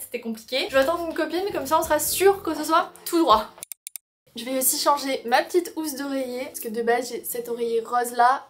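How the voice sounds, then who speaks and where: A young woman from France vlogging in her apartment, chatty and expressive, talking to the camera while she works and grumbling at small setbacks. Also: high-pitched. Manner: chatty and expressive, mutters and swears while doing chores. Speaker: lifestyle vlogger. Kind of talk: casual vlog chat. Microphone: camera mic.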